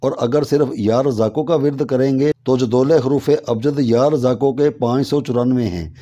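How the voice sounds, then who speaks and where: Male narrator, dark and mellow, steady measured read of instructions, dull lo-fi recording. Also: mid-range voice. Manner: steady, measured reading of long number lists. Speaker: teacher of devotional recitation methods.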